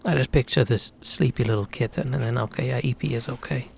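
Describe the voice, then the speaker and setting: A man's voice: medium pitch, fairly even intonation, quick pace, gravelly, slight background noise. A man streaming a video game, chatting casually and thinking aloud as he plays. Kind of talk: casual gaming commentary.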